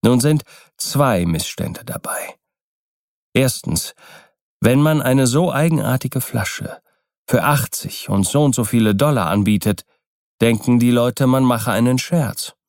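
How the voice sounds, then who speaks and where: A man's voice: mid-range voice, lively intonation, darkish tone, dry recording, clean studio sound. A man voicing a sly, persuasive older seller in an audiobook reading. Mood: explaining. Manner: smooth, persuasive, measured explaining. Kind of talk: audiobook character voice.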